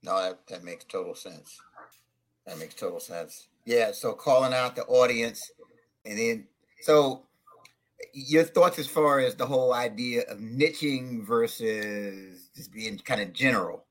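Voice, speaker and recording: A man's voice: medium pitch, measured pace, fairly bright tone. A man hosting an interview, affirming his guest and asking questions with frequent restarts and repeated words.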